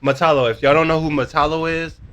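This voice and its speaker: A man's voice: fairly high pitch, fairly even intonation, quick pace, a bit bright. A man recapping a TV episode in casual chat, rambling and leaning on filler words. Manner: rambling, full of "basically", searches for words. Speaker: co-host of a show review.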